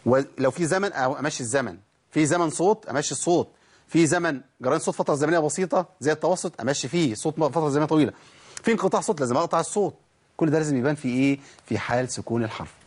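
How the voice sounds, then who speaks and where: Egyptian man, recitation lesson, raspy voice, rapid speech, answers his own questions. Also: a little high, a little mellow. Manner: asks questions and answers them himself; demonstrates letter sounds by repeating words. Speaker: Quran recitation teacher.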